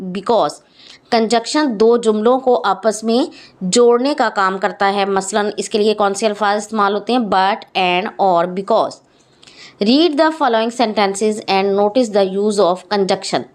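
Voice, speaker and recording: A young woman teacher, reading a textbook lesson aloud in English and translating it, English lines slow and careful. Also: fairly high pitch. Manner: reads English lines slowly and deliberately, then translates briskly.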